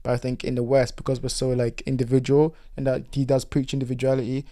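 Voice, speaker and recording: A man's voice: mid-range voice, little pitch movement, fast, dark tone. A man talking as a podcast guest in casual chat, eager and rambling, with lots of fillers.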